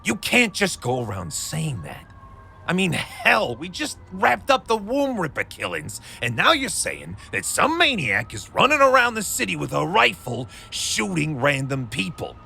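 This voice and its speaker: An actor playing a gruff, sarcastic, brusque police detective with a gravelly voice in a video game. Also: male voice, a little high, wildly swooping pitch, a little slow, sharp tone, a little hiss or hum, exaggerated voice. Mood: exasperated, dismissive. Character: gruff, dismissive, cynical male police detective.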